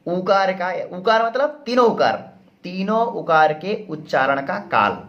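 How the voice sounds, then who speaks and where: A man teaching Sanskrit grammar, repeating each term slowly and asking and answering his own questions. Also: sits high, very animated, muffled recording. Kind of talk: explanatory grammar lesson.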